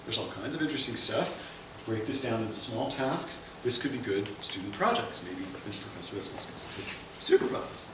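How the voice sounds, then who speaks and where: A middle-aged man with a lowish, animated voice delivers a science cafe physics lecture at normal speed, raising questions and answering them himself. He is recorded from afar on a camera mic in an echoey seminar room with a projector screen, and the audio is noisy.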